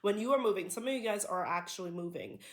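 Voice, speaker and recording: Speaking quickly in a mid-range voice, a nasal-sounding woman who seems a little unwell reads spiritual cards for her audience. This tarot reader is reassuring throughout, with frequent repetitions of "okay?" and "here".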